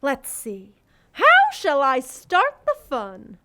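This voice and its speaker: A woman's voice: high-pitched, wildly swooping pitch, slow pace, background noise, heavily acted. A teenage girl playing a tyrannical, gloating wicked witch in a stage play, imperious and taunting. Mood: gloating, commanding. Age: teens. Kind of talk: high school stage play acting. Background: music.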